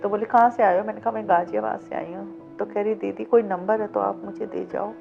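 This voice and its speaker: A woman's voice: medium pitch, fairly even intonation, brisk, gravelly. A middle-aged woman telling her own life story in an interview, acting out the past conversations as she goes. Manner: vivid retelling that acts out past dialogue. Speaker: interview guest, cab driver. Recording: dull lo-fi sound with faint background music.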